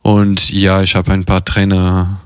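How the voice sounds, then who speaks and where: Slow, hesitant, low-voiced man. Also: completely flat delivery, clear, resonant tone, no room sound, studio quality. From half Italian. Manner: slow, hesitant, many fillers and restarts. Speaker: interviewee, circus artist and carer. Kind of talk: casual personal interview.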